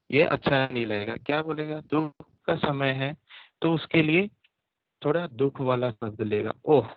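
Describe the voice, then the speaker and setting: A male teacher giving an online grammar class, repeating and drilling terms and asking quick questions. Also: mid-range voice, no room sound. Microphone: computer mic, online class. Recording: dry, dull lo-fi online audio.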